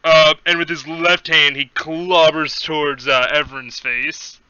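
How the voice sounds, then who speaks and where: A man's voice: a little high, steady tone, measured pace, sharp tone, clean tone, no echo, muffled recording. A man casually narrating a tabletop fantasy game as game master, in a playful manner.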